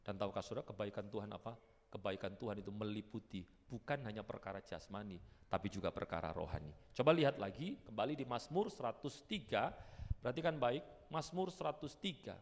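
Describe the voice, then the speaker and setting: A man preaching a sermon, animated and swinging between loud and hushed delivery. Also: on the low side, fairly quick. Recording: echoey church hall.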